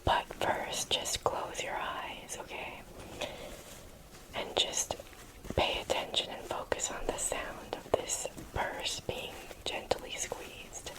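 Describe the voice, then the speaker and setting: A woman doing a whispered ASMR roleplay, speaking to the listener as a caring friend in a soft, unvoiced whisper. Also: takes it slowly, poor audio. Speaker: ASMR creator.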